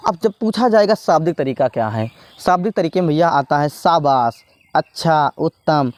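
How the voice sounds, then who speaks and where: A man's voice: fairly high pitch, lively intonation, normal speed, darkish tone, no echo. A male teacher gives a spoken exam-prep lesson, repeating points and asking and answering his own questions. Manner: repetitive, asks and answers own questions, says "bhaiya".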